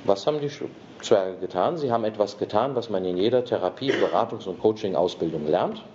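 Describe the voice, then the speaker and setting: Lively male lecturer reading a fairy tale. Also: on the low side, brisk, dull audio, slight background noise. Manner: lively and interpretive, with tag questions. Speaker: lecturer on therapy and coaching.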